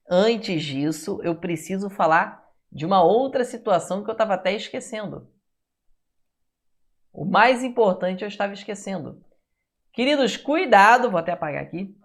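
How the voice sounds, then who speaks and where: Lively Brazilian man teaching a class. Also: high-pitched. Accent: Brazilian Portuguese. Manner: lively, keeps checking in with the class with tag questions; sounds out syllables to demonstrate. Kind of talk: classroom lecture.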